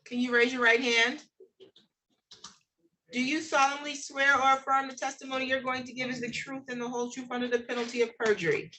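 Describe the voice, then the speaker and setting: Woman judge, courtroom hearing, higher voice, formal procedural questioning, faint background noise and clicks. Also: level tone, brisk, bright, forceful tone, poor audio. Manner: procedural, explaining rights step by step.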